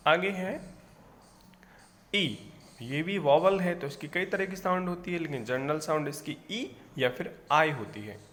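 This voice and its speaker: A man teaching a phonics lesson at a very slow, careful pace, with a voice that sits a little high. He says each letter sound again and again and keeps asking "okay". The recording carries a long, echoing reverb. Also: a bit bright.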